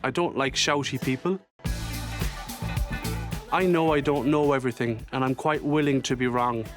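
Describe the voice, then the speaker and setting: A man in his thirties with an Irish accent speaks at a medium pitch. His conversational delivery is measured and a little hesitant. Music is clearly audible behind him. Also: steady tone. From Galway, Ireland. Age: 30s. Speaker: dinner guest. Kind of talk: unscripted interview and conversation.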